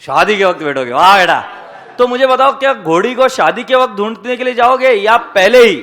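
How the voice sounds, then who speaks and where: A man teaching accounting to a classroom in a high voice. He jokes with the students and asks them question after question. He slips English phrases into his Hindi. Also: expressive, normal speed, pushed and bright. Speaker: accounting lecturer. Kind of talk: classroom lecture.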